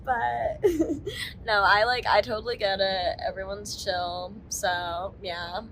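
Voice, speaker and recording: A woman's voice: mid-range voice, slow, fairly bright tone, slight background noise, poor audio. A woman contestant chatting in a laid-back, sheepish, giggly way. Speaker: game show contestant. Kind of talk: casual confessional chat.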